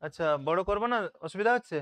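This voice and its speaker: Tutor, online revision lesson, smooth clear voice, asks and then answers. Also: medium pitch, very fast, a bit bright. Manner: asks questions and answers them himself, checks with "তাই তো?". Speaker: teacher. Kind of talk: online live class, question-and-answer revision.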